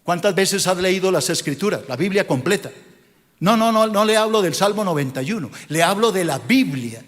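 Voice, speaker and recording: A male pastor delivers a sermon in a high voice. He scolds his listeners and presses them with rhetorical questions. The sound carries a long reverb, as if in a large church hall. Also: expressive, brisk.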